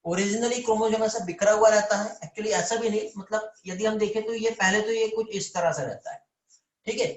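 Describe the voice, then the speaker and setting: A man's voice: sits high, steady tone, moderate pace, echoey room. A man teaching biology in a live online lecture, calling students "beta" and often checking whether they understand.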